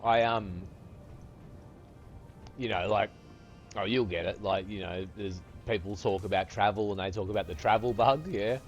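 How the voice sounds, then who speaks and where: Aussie bloke around fifty chatting on stream, kinda low voice, swears a lot, calls everyone bro. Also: male voice, normal speed, long pauses. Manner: laid-back, swears freely, keeps calling viewers brother. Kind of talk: casual live-stream chat while gaming. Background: faint music.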